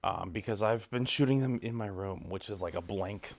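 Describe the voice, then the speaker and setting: A young man talking to camera in a cold home garage, giving relaxed, rambling advice with lots of ums and likes. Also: fairly low pitch, normal speed, vocal fry. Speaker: vlogger. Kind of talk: casual advice talk to camera.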